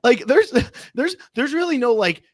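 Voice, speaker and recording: A man with a high-pitched voice hosting a casual, chatty TV recap podcast. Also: big pitch swings, normal speed, dry recording, studio quality. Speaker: podcast host.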